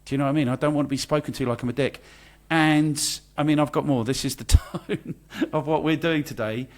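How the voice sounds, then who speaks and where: A man co-hosting a casual podcast, his voice sitting a little higher than most. He talks in exasperated, sweary rants, piling on rhetorical questions. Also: fairly quick, a little mellow. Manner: exasperated, ranting, swears freely. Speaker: podcast co-host. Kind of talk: casual chat.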